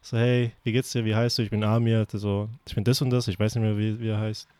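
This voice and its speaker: A man's voice: lowish voice, little pitch movement, quick pace, warm tone, smooth, no echo. A young man originally from Iran chatting casually as a podcast co-host, teasing and laughing easily. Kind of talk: casual slangy chat.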